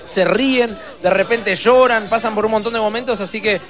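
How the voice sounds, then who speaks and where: A man's voice: high voice, normal speed, music in the background, a crowd in the background. A man in his twenties, an actor giving casual interview answers in a busy backstage room. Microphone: handheld interview microphone.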